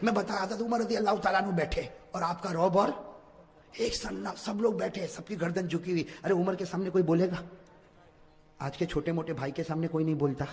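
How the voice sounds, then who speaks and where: A man preaching a sermon, telling a story with sudden drops to a hush and bursts of shouting, and he calls on the crowd to repeat after him. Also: sits high. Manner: dramatic, swings from hushed to shouting, urges the crowd to repeat. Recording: long hall reverb.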